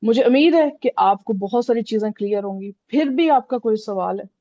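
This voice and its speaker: A woman's voice: on the high side, lively intonation, brisk, warm tone, no room sound, highs cut off. A woman teaching a religious lesson in a conversational way, often checking in with her listeners. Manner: conversational, repeats "theek hai" often. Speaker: Islamic teacher.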